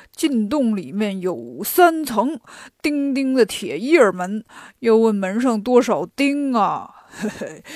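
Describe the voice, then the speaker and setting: A woman voicing a lazy, boastful male pig-demon disciple who grumbles loudly in a gruff, whiny voice, for a children's story. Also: medium pitch, dry recording, studio quality, voice pushed down.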